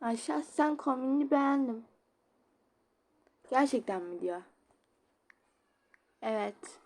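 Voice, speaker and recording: Speaking slowly in a high, expressive, somewhat mellow voice, a woman streams a game with casual commentary. She giggles a lot and reads messages from her chat out loud.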